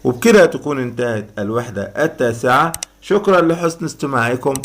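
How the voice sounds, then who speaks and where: Egyptian arabic guy teaching english, says the examples slow and careful, mid pitch. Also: lively intonation. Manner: reads English examples slowly and deliberately, then translates. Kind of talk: classroom lesson explanation.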